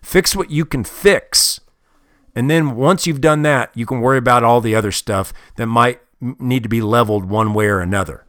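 A man's voice: mid-range voice, moderate pace, a bit bright, no echo, clean studio sound. A man giving a motivational talk, blunt and heavily profane, hammering home his points with emphasis. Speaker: motivational speaker.

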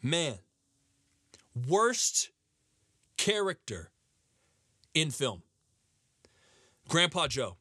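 A man with a bright, fairly high voice rants with heavy sarcasm and animated emphasis. The sound is close and dry, with no room around it. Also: very slow, long pauses, slightly rough, no room sound. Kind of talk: comedic rant.

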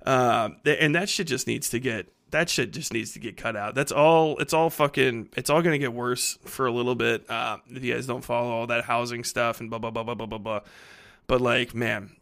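This podcast host, a fiction writer in his thirties, speaks at a moderate pace in a steady, mid-range voice that's creaky and a bit bright. The unscripted monologue wanders, and he's blunt, slangy and swears heavily.

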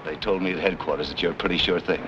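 A man's voice: sits low, steady tone, very fast, natural voice. A man playing a hunted, defiant innocent suspect, terse and hard-boiled, in 1940s film noir style. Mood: defiant, urgent. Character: hunted, defiant man falsely accused of murder. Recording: muffled, noisy old film soundtrack.

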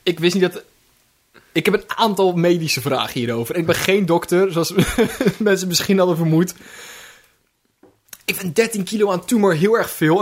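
A young man co-hosting a casual podcast, talking hesitantly, laughing often and playing himself down. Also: high-pitched. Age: young adult. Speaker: podcast co-host. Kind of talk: casual chat.

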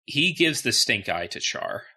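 A man's voice: medium pitch, sing-song, unhurried, pushed and bright, breathy edge. A man running a tabletop fantasy game as game master, narrating and explaining to players.

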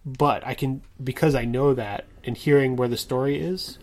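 Young man, podcast host, rambling, full of ums and likes, middle-pitched voice. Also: fairly even intonation, normal speed, darkish tone. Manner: rambling, many fillers and restarts. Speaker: podcast host and game master. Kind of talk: casual chat.

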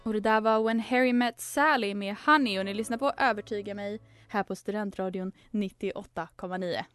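A young woman co-hosting a student radio show, casually telling a lively story and laughing often. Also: medium pitch, soft background music. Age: young adult. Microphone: studio microphone.

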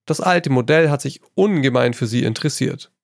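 A man's voice: mid-range voice, fairly quick, gravelly, no room sound, clean studio sound, pitched above the performer's own voice, lightly acted. A man reading a story aloud, voicing a witty, worldly painter who teases his friend and tosses in French phrases. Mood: amused. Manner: lively, amused, tossing in French phrases. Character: witty amused male painter, worldly and teasing.

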